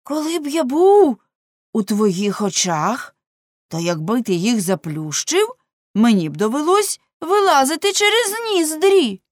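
Mocking young male prankster, high and quick, lively, dry sound, voiced by a woman. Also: no room sound. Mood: cheeky.

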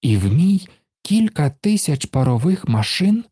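Man doing a worried little storybook boy, slow and soft-toned, dry sound. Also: a little high, big pitch swings, husky, dry recording, pitched above the performer's own voice, exaggerated voice. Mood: wondering. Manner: anxious, wondering questions. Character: young boy, earnest and easily worried.

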